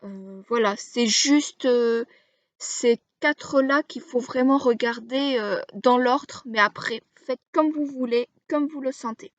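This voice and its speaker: A woman with a high, light voice talks slowly through a list, stopping often to find her next word. The sound is dull and lo-fi, with a dry, close feel and no room echo. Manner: halting, frequent hesitations while listing titles. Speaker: anime video creator. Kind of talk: casual explainer to camera.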